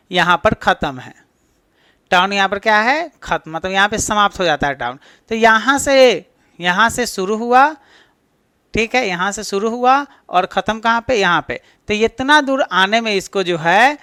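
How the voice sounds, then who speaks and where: A man's voice: high voice, pushed and bright, clean tone, no room sound. Man, Bihari Hindi accent, exam-prep lesson, asks and answers his own questions, dry sound. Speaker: English teacher. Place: classroom with a board.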